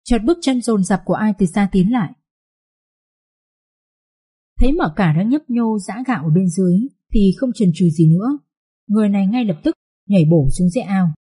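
Mellow, husky woman telling a story. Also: medium pitch. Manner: lively, colloquial storytelling. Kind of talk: storybook narration.

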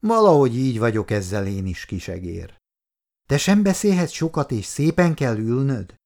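A man voicing a kind, weary old man in a wheelchair in an audiobook, speaking calmly and gently. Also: mid-range voice. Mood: gentle.

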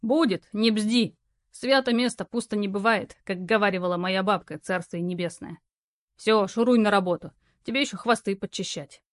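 A woman voicing a gruff, burly male courier who talks curtly and in rough slang. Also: mid-range voice, normal speed, no room sound, studio quality, close to an everyday voice. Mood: gruffly kind.

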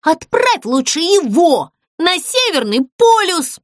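A woman's voice: very high-pitched, big pitch swings, takes it slowly, no room sound, clean studio sound, voice pushed up, exaggerated voice. Woman doing a shrieking frightened doll actress. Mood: urging. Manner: shrieking, pleading.

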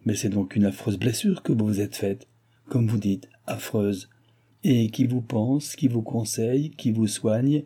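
A man reading the lines of a scheming countess, smooth and insistent in her feigned concern. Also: on the low side, steady tone, measured pace, dark tone. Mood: coaxing. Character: scheming royal favorite, a countess, woman.

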